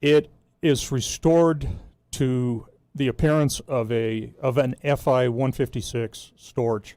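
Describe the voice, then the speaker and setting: Man calmly explaining aircraft history. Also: mid-range voice, slow pace, dry recording. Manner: informative, precise explanations. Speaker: museum guide explaining aircraft. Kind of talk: casual talk radio chat.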